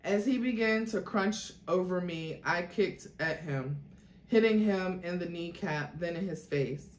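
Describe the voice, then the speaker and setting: A woman reads a story in a theatrical, host-like manner, performing the characters' quoted lines. Her voice is lowish and unhurried, and the room echoes with a little background noise.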